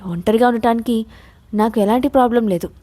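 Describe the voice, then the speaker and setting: A woman voicing a young woman heroine, anxious and quick to anger. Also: fairly high pitch, lightly acted. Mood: quiet. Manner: anxious then sharp.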